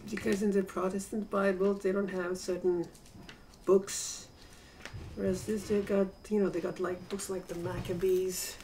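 A woman's voice: mid-range voice, creaky, darkish tone, distant mic, a little hiss or hum. A forty-year-old woman vlogging casually from her bedroom, rambling and hesitant with many fillers. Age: 40s. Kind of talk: casual personal vlog. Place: small cluttered bedroom indoors. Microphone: built-in webcam mic at desk distance.

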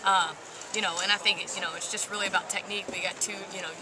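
A woman in her thirties, a volleyball coach, answers postgame questions in quick bursts full of "you know". She sits courtside in a large indoor arena, talking into a headset microphone. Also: medium pitch, steady tone. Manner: rapid, filler-heavy answers with frequent "you know". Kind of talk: postgame interview. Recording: arena crowd and background noise.

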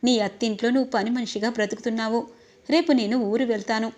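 A woman's voice: on the high side, fairly even intonation, fast talker, darkish tone, natural voice. A woman voicing an earnest village priestess. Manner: earnest, instructive. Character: older village priestess giving instruction.

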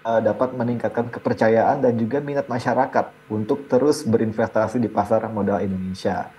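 A low, mellow man explaining on a video call. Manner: measured, explanatory, steady with fillers. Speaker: stock exchange division head, guest. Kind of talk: interview answers on a business show. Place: indoors, video call from a trading hall.

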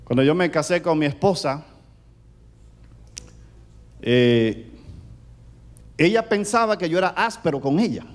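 A middle-aged man from the Caribbean with a Caribbean Spanish accent, preaching a sermon in a loud, animated way that swings between booming and hushed. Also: unhurried, long pauses.

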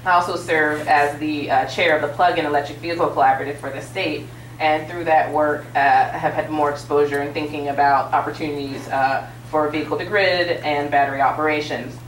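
A woman's voice: low-pitched, fairly even intonation, fairly quick, a little hiss or hum. A woman commissioner giving formal policy remarks on a panel, with many small fillers. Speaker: state utilities commissioner on a panel. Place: large auditorium stage with audience. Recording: roomy hall sound from a distance.

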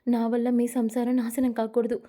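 A woman's voice: on the high side, monotone, normal speed, dark tone, natural voice. A woman voicing a young wife who pleads and scolds in a spoken story. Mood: pleading. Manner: firm, pleading. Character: young wife, upright and wounded.

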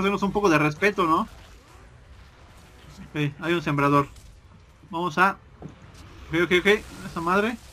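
A man's voice: fairly high pitch, bright, forceful tone, slight background noise. A man doing casual, joking gameplay commentary and swearing constantly.

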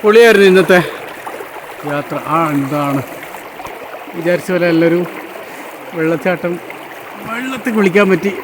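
A man's voice: high-pitched, moderate pace, long pauses. A man with a Malayali accent chatting casually in slangy Malayalam mixed with English words, outdoors. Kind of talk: casual outdoor vlog chat. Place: outdoors by a forest river. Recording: outdoor ambience noise, running water, off-mic.

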